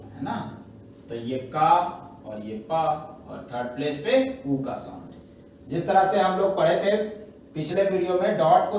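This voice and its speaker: Man teaching shorthand real slow and patient, bit high voice, room echoes a lot. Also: a little mellow, recorded from a distance, slight background noise. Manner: patient, step-by-step, asks and answers own questions. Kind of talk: slow classroom explanation.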